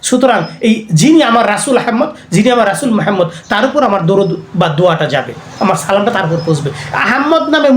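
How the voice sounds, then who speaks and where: Rapid, high-pitched Islamic preacher; conversational lecture full of rhetorical questions; echoey room. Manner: conversational, keeps asking listeners rhetorical questions. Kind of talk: religious lecture.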